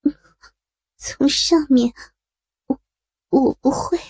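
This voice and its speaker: A woman's voice: high voice, moderate pace, warm tone, no echo. A woman voicing a shy, prim young married woman who answers with bashful, pouting protests.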